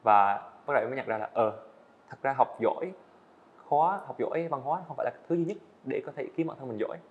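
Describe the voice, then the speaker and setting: The audio is narrow and tinny as a young student animator with a mid-range voice answers interview questions in an indoor studio. He talks fast and earnestly in casual language, often restarting what he's saying.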